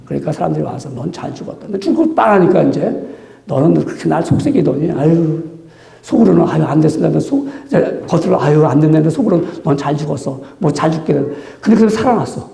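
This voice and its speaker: Man, pastor, sermon, gravelly, mellow tone, rhetorical questions, echoey church room. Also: fairly high pitch, animated, quick pace. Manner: conversational preaching with rhetorical questions and acted-out quotes. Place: church sanctuary.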